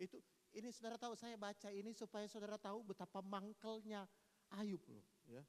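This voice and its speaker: High-voiced East Javanese pastor preaching. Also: male voice, a little fast. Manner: lively, mimics gossiping friends in Javanese. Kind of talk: sermon. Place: church hall. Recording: long reverb of a church hall.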